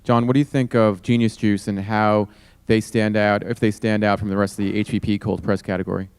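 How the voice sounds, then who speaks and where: Low-voiced man hosting a panel, clear, dry. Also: little pitch movement, fairly quick, a little mellow, dry recording. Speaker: host moderating a judging panel. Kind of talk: panel moderation at a live event.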